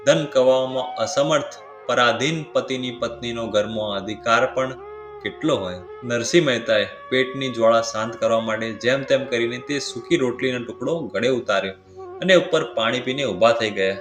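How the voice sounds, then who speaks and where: A man narrating a scripted devotional story in a measured, solemn way. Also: mid-range voice. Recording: roomy with clear devotional music behind.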